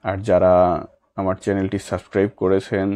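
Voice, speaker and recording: A man reading an exam-prep lesson in a formal, measured way, stating each question and then its answer. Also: low voice, completely flat delivery, dark tone, no room sound.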